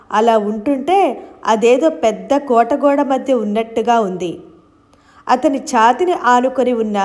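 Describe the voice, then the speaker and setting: A woman reading a novel aloud as an audiobook narrator, calm and measured. Her voice sits a touch higher than most women's.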